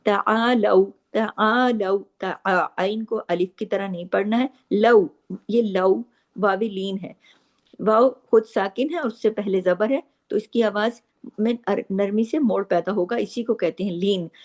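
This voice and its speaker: Woman, recitation teacher, mid-pitched, patient and explanatory, slow drawn-out recitation of words. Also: a little mellow. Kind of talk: tajweed lesson, explaining and reciting.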